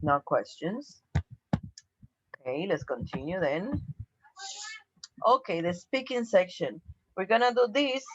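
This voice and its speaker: With a husky, lowish voice and an animated delivery, a woman whose first language is Spanish runs an online English lesson. She explains patiently and slowly, frequently asking "okay?" The recording is dry, with the high frequencies cut off.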